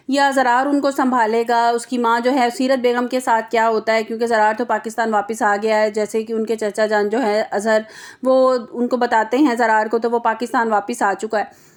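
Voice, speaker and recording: A woman giving a casual, unscripted recap of a TV drama's plot, often hesitating and restarting. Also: on the high side. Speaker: drama episode recap presenter.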